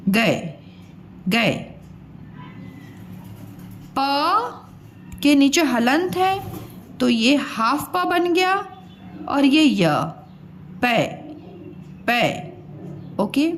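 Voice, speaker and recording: High, lively woman teaching children slowly. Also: a little hiss or hum. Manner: slow, sounds words out syllable by syllable. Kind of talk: children's grammar lesson.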